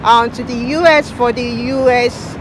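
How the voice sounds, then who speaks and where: A woman's voice: fairly high pitch, fairly even intonation, measured pace. A middle-aged woman hosting a news wrap and interview outdoors in a city park, speaking with frequent hesitations and fillers. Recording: outdoor park with crowd and traffic noise.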